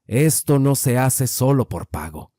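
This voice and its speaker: A man voicing an older rural mountain man, grave and wary, speaking slowly and low. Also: animated, dark tone, no echo, studio quality, natural voice. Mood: grave warning.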